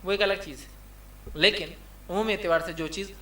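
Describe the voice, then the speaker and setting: A man's voice: high voice, steady tone, pushed and bright, roomy sound, slight background noise. A man giving a sermon. He argues a point and keeps telling listeners to remember it. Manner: argumentative, repeats "remember this", acts out dialogues. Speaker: Islamic preacher.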